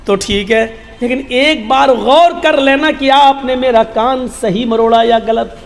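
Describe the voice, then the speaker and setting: A preacher voicing a meek pleading servant. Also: male voice, very high-pitched, vocal fry, voice pushed down. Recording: long hall reverb.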